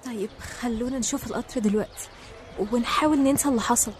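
A woman playing a gentle, forgiving Egyptian woman in a TV drama, speaking softly and reassuringly. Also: a little high, fast talker, noisy background, natural voice. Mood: resolute. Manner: soft, reassuring. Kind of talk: TV drama acting.

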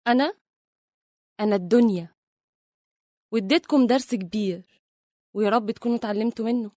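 A woman's voice: fairly high pitch, fairly quick, warm tone, no echo, studio quality, natural voice. A woman playing Donya, a solemn moralizing spirit of life. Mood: lecturing. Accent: Egyptian Arabic. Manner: solemn, lecturing. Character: mysterious woman embodying worldly life, stern moralizing.

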